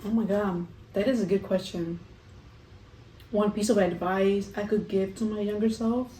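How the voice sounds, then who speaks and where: A woman's voice: medium pitch, fairly even intonation, normal speed, dark tone. A young adult woman chatting casually and ramblingly during a food vlog, saying "like" often, recorded in a kitchen. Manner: rambling, frequent "like". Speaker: vlogger doing a mukbang Q&A. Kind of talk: casual chat to camera while eating. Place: roomy kitchen at home, indoors. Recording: echoey room with faint background noise.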